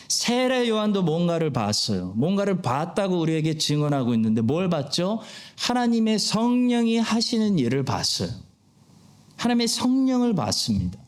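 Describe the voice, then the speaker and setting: A man preaching a Sunday sermon in a fairly high voice that rises and falls a lot. He explains step by step and puts rhetorical questions to the congregation. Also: a little mellow. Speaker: pastor. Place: church sanctuary.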